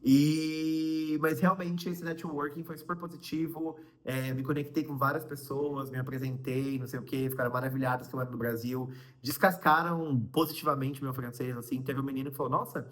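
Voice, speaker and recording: A man's voice: medium pitch, flat delivery, moderate pace. A young man from Brazil with a Brazilian Portuguese accent, chatting casually to his viewers in a vlog, full of fillers and asides. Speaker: vlogger.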